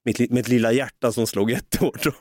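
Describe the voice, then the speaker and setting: A man co-hosting a podcast, telling a comic story in a casual, animated way and swearing a lot. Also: mid-range voice, no echo, clean studio sound. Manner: animated, swearing, acts out voices in his anecdotes. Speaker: podcast co-host.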